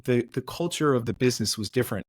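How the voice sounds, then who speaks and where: Fast and mid-range in voice, this middle-aged man from the United States guests on a podcast, casually telling stories from his career. He has an American accent, restarts sentences often, and the clip has no echo.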